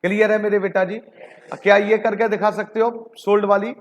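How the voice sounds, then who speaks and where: Male commerce tutor with a high voice, live online class, keeps quizzing students and coaxing answers, reads figures aloud slowly. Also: level tone. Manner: coaxing students with repeated questions; calls students "beta ji". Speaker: commerce teacher.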